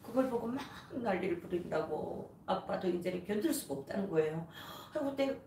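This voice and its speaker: A woman's voice: fairly low pitch, animated, a little fast, gravelly, warm tone. A woman from North Korea with a North Korean accent, a missionary telling her faith testimony with emotion and acting out the prayers and voices she quotes. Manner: storytelling, acts out prayers and quotes. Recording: roomy, from a distance, faint noise.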